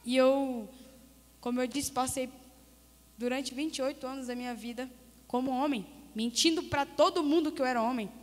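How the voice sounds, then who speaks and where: A woman, giving an emotional church testimony that swings from hushed to loud as she acts out the dialogue. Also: high-pitched, steady tone, normal speed. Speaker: missionary giving her testimony. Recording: reverberant church hall.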